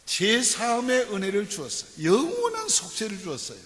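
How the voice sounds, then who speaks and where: A male pastor preaching a sermon, asking the congregation questions and answering himself, dropping slow and low for scripture and prayer. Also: huge pitch swings, fairly bright tone, long reverb tail. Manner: call-and-response preaching, repeated "예" and questions to the congregation. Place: church sanctuary.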